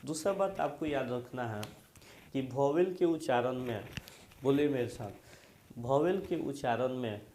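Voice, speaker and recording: Male grammar teacher, unhurried and repetitive, quizzes the class and drills by call-and-response, echoey room. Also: medium pitch, mellow, a little hiss or hum. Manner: repetitive drilling, quizzing students and having them repeat after him. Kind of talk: classroom lesson explaining grammar.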